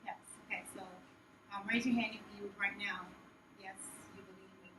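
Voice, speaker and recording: A woman's voice: mid-range voice, fairly even intonation, normal speed. Woman from Jamaica, conference talk, earnest, lots of ums, distant echoey recording, background noise. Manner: earnest, frequent ums, trails off softly at phrase ends. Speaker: education researcher presenting. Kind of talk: conference presentation. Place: conference room.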